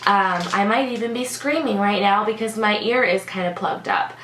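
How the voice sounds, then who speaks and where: A woman beauty vlogger sounds congested and sick as she chats casually through a product review, dropping lots of "like" and "um." Her voice is medium in pitch at a moderate pace, recorded in a roomy space with a noisy background.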